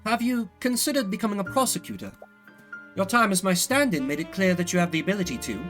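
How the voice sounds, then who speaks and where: A man voicing a polite, reserved prosecutor in a video game, speaking with measured formality and quiet concern. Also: high-pitched, expressive, faint music behind. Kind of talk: visual novel game acting.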